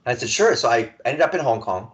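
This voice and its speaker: A mid-range-voiced man in his forties from Serbia tells his story as a podcast guest in a relaxed, conversational way. His speech is halting, full of stumbles, restarts and repeated words.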